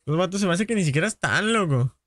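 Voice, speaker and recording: Casting: streamer with a Mexican accent, somewhat high voice, chummy and casual, dry close mic. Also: male voice, animated, fairly bright tone, dry recording. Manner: chummy, calls viewers "padrino", rapid greetings. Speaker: gaming livestream host. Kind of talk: casual live-stream chat.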